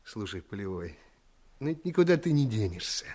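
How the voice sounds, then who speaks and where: Menacing, deep-voiced bandit chief Nikitsky. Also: male voice, very animated, dark tone. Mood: threatening persuasion. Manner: slow, threatening, coaxing. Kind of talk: radio play acting.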